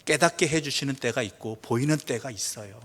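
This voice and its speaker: A male pastor preaching a sermon, asking the congregation questions, answering them himself, and reading scripture slowly and softly. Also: mid-range voice. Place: church sanctuary. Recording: long church reverb.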